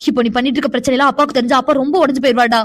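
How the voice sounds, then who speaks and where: A woman's voice: sits high, steady tone, racing, dry recording, clean studio sound. A woman voicing an anxious mother in a family cartoon, pleading and scolding by turns.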